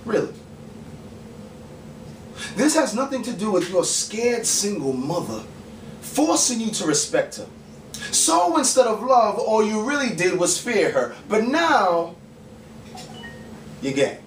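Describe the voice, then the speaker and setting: A male spoken word poet and actor from the Bronx, New York, performs dramatically on a small, dim indoor bar stage, his high, very animated voice swinging widely in pitch. He leans on pointed questions and leaves deliberate pauses. A distant camera mic records the roomy sound with some background noise, while the stage mic beside him sits unused.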